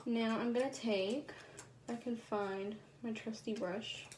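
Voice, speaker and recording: A soft, quiet-spoken woman chatting casually through a makeup tutorial, recorded on a phone. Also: a little high, steady tone, unhurried, slight background noise. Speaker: beauty vlogger.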